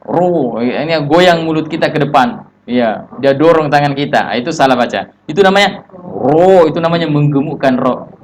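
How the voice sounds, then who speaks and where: A man's voice: on the high side, lively intonation, slight background noise. Indonesian man teaching Quran recitation. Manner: explains in short phrases, breaks into slow chanted recitation. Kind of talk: religious tajwid lesson with recited examples.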